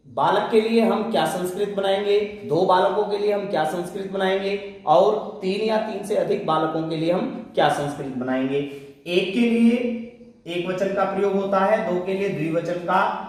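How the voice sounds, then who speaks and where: A man's voice: high voice, a little mellow. A middle-aged man with a Hindi accent teaching an online Sanskrit class, patiently asking questions and answering them himself. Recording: very echoey room, a bit far from the mic.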